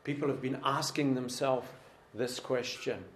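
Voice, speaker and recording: A man's voice: mid-range voice, fairly even intonation, a little slow, echoey room, a little hiss or hum. A man preaching a sermon to a congregation in a room, earnest and repeating his points for emphasis.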